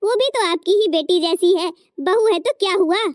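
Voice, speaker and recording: A woman's voice: very high-pitched, normal speed, no echo, studio quality. A woman voicing a kind teenage sister-in-law in a cartoon story, who speaks up earnestly for her brother's wife. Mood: pleading. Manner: earnest, pleading.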